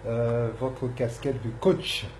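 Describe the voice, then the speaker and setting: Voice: mid-range voice, level tone, slow, a little mellow, a little hiss or hum. A radio interviewer who asks questions hesitantly, with many fillers.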